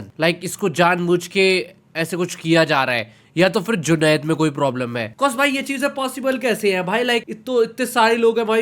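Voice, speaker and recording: A male streamer with a high voice reacts casually, chatting straight to his viewers and dropping English phrases between Hindi lines. His talk is loose and conversational, as in a live stream. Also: a bit bright. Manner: chatty, talks to chat, mixes in English.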